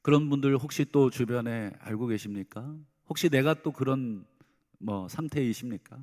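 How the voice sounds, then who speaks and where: A middle-aged man preaching a sermon as pastor, earnest, moving between soft pleading and loud emphatic bursts. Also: medium pitch, normal speed. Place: church sanctuary. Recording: reverberant church hall.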